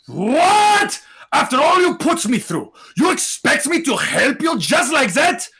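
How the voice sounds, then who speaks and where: A man voicing several bickering cartoon aliens in quick turns, shrieking and frantic. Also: very high voice, huge pitch swings, vocal fry, sharp tone, voice pushed up, exaggerated voice. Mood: frantic shouting. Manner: shrieking, frantic, rapid character switches.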